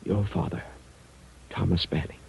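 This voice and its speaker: An actor in 1940s radio drama playing a solemn, earnest visionary man with a husky voice. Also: unhurried, darkish tone, close to an everyday voice. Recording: muffled vintage radio recording.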